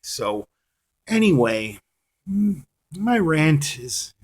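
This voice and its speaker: Here a man vlogs about a TV episode in a fairly high, slightly rough voice that swings widely in pitch and moves very slowly. It's a rambling, self-mocking rant to camera, peppered with "you know" and false starts.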